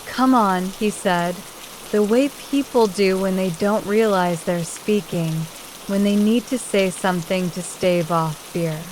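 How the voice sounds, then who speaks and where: A woman narrating a horror audiobook in a slow, measured way. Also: medium pitch, darkish tone, a little hiss or hum, poor audio. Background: rain.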